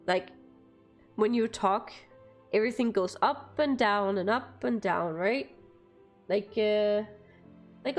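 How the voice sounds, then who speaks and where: Speaking in a mid-range voice, a young woman from Denmark talks informally to viewers during a live stream. She has a light Danish accent and laughs frequently between phrases.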